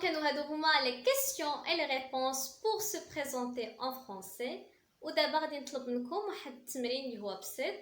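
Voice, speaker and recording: A Moroccan woman teaching French to beginners, repeating each phrase slowly and emphatically, then adding quick asides. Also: high voice, fairly bright tone, roomy sound. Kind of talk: language lesson for beginners.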